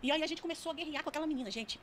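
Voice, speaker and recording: A woman's voice: sits high, rapid-fire, fairly bright tone, a little hiss or hum. A woman telling her personal testimony in a vivid, emphatic way. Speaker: guest giving a testimony.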